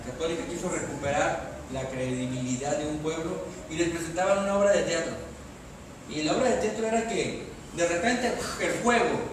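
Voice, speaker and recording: A man's voice: a little high, recorded from a distance, background noise. A male pastor from Mexico preaching a sermon, reading scripture aloud and pressing the congregation with emphatic rising questions. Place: church hall. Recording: echoey church hall, heard from afar.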